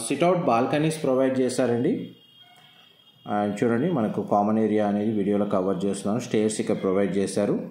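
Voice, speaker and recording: Property tour host, male, steady explainer, mid pitch, roomy echo. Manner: steady explanatory, fillers, Telugu-English mixing. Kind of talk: walkthrough narration.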